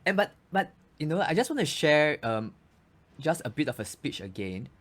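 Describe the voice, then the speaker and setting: A man's voice: fairly high pitch, sing-song, normal speed. A man, a voice coach explaining speaking tips as a guest in a casual interview, often saying "you know".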